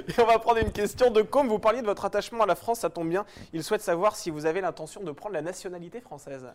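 A man's voice: sits high, fast. A man co-hosting, reading out listener questions in a light, playful way.

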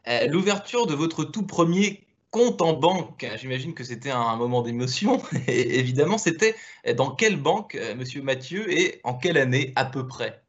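A man's voice: a little high, expressive, moderate pace, hardly any pauses, highs cut off. A man hosting a video-call interview, hesitant and full of fillers and repeated words. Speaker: interview host.

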